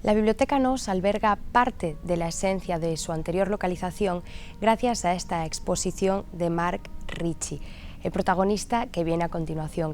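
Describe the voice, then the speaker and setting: Female reporter, lowish voice, scripted narration, faint music underneath. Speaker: reporter voice-over.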